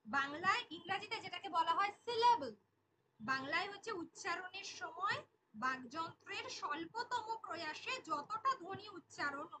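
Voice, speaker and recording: A woman teaches an online exam-prep class in a very high voice. She repeats each key definition and keeps asking the class questions. Clear background noise hisses under the whole recording. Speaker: Bengali teacher.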